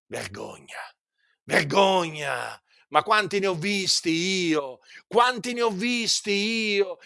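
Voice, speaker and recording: Lively, animated male preacher. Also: a little high, no room sound, clean studio sound. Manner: animated, repetitive, many rhetorical questions. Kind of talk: sermon.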